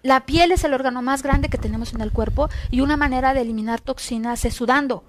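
A woman's voice: high voice, fast talker, background noise. Mexican woman doctor explaining health tips. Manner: explanatory, lists numbered points, frequent tag questions. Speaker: doctor guest. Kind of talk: health advice interview on TV.

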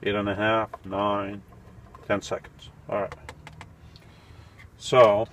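Brewing coffee in a small, messy van at night, a van-life vlogger in his forties walks the camera through it in a relaxed how-to. His lowish voice is level, slow and fairly bright, with slight background noise, and he thinks out loud, self-corrects and seems a bit puzzled.

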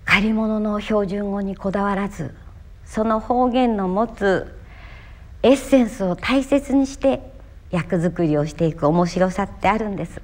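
A Japanese actress from Miyagi performs a one-woman stage monologue, telling her story theatrically. She speaks a little slowly, her pitch leaping suddenly.

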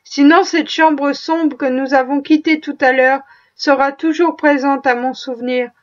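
A woman's voice: high-pitched, steady tone, a little slow, lo-fi sound. A woman reading the part of an old miser who pleads in an earnest, imploring way. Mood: pleading.

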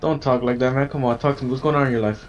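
A man's voice: medium pitch, steady tone, very fast. A man playing a police negotiator in a game roleplay, coaxing and casual in tone. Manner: coaxing, casual street talk. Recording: dull lo-fi mic with faint noise.

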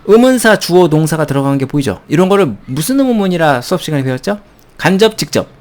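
A man gives a recorded English lesson, his voice sitting a little high and swinging widely in pitch as he jumps from explanation to exclamation. He chuckles often and drops English phrases into his teaching. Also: quick pace. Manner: animated, playful, chuckles between points, mixes English phrases into explanations. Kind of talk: recorded textbook lecture.

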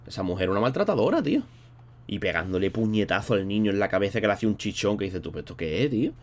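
Speaking at a racing pace, a man with a lowish voice and lively intonation chats casually on a livestream. He rambles in slang and thanks viewers between thoughts.

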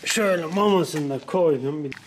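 At home with his dog, a pet vlogger chats playfully to viewers and scolds the dog now and then. He speaks at a moderate pace with a fairly high pitch. The room is echoey, the mic is at a distance, and there's faint noise.

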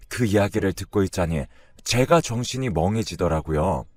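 Story narrator: man, low, lively delivery, dry close sound. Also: dry recording. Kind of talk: scripted first-person story reading.

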